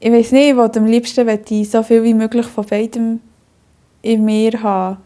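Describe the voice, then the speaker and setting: A young woman with a Bernese Swiss German accent has a higher voice with a dark tone and little pitch movement, speaking at normal speed. Interviewed about her own story, she rambles with many fillers and restarts and often laughs heartily.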